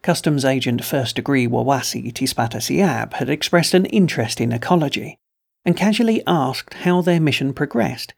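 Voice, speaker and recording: A man hosting a podcast, reading a short story and closing notes in a steady scripted narration. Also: on the high side, vocal fry. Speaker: podcast host.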